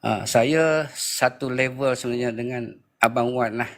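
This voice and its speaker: Speaking at an unhurried pace with a medium pitch, a man in his fifties with a Malaysian accent serves as a panelist in a live political discussion room. His informal commentary is emphatic, full of repeated phrases and rhetorical questions.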